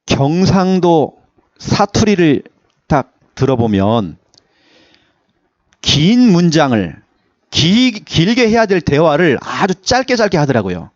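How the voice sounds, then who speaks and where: Lively, animated male pastor preaching. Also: on the high side, slow, dry recording, dull audio. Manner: animated, playful preaching with jokes. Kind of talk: Sunday sermon. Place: church service.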